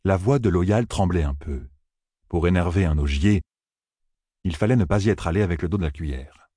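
A male audiobook narrator telling a fantasy tale in a measured way. His voice is very deep, dark and husky. The sound is close and dry. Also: no room sound.

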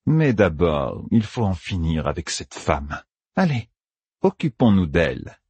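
A sadistic sorceress taunts her captive in a raspy, raised voice, as a male narrator puts her on. The audiobook read is dry and close, and her sneering delivery swings widely in pitch. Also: very animated, a little slow, darkish tone, dry recording, exaggerated voice. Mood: cold. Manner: taunting, mocking and cold. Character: cruel sadistic female sorceress villain.

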